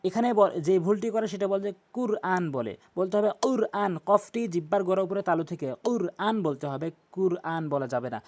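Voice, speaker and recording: A man with a Bangladeshi Bengali accent teaching tajweed, spelling Arabic letters out slowly and chanting verses in long drawn-out tones. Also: high voice, darkish tone. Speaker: Quran recitation teacher. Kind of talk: tajweed lesson with recitation.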